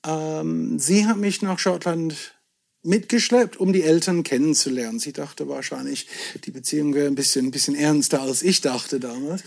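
A middle-aged man from southwest England, native English speaker, telling anecdotes in a relaxed podcast chat. His voice sits a little high for a man. He is chatty and pokes fun at himself. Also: normal speed, gravelly. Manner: chatty storyteller, self-deprecating humour. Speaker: podcast guest, whisky entrepreneur. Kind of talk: casual chat.

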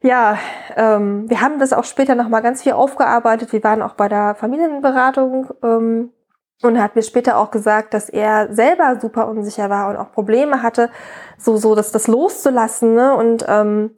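A fairly high-voiced woman in her thirties speaks candidly as an interview guest. She talks in a loose, conversational flow, often tagging her sentences with a quick question and restarting her phrases. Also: steady tone, darkish tone. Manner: candid, frequent "ne?" tags, many restarts. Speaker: guest, mother of a colicky baby.

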